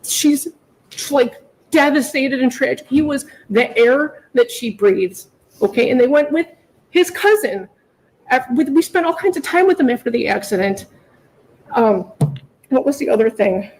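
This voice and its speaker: This middle-aged woman makes an emotional, unscripted appeal to a judge for her daughter, insisting and repeating herself often. Her high-pitched, slightly mellow voice has lively intonation and a slightly slow pace, captured on a rough recording.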